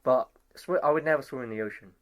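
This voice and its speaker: A young man, telling lively stories in a casual chat and acting out the people in them. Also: medium pitch, fast. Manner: animated storyteller, voices others in quotes, laughs through tales. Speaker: podcast co-host.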